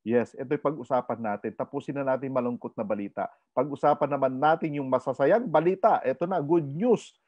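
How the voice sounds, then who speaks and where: Energetic Filipino male seminar presenter, lively delivery, dry and muffled webinar sound. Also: mid-range voice, a little fast, hardly any pauses, dry recording. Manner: animated, asks the audience questions, code-switches. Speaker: online orientation presenter. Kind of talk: energetic business seminar talk.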